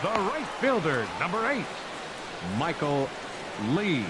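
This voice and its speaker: A booming stadium PA announcer. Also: male voice, big pitch swings, over a noisy crowd, full character voice. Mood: formal. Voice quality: booming, drawn-out announcing of names and numbers. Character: adult male ballpark PA announcer, formal and measured. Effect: heard over a stadium PA loudspeaker. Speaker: stadium public address announcer. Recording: noisy stadium loudspeaker heard from afar.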